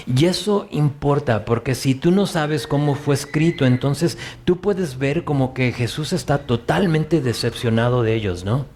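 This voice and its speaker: A man with a Mexican Spanish accent preaching a sermon, speaking slowly and deliberately, and asking questions in a soft, compassionate way. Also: mid-range voice, expressive, slight background noise. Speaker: pastor.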